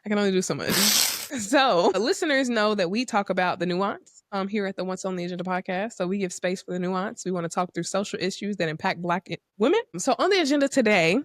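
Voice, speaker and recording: A woman hosting a podcast, introducing segments in a measured way. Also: medium pitch, no room sound, studio quality. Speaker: podcast host.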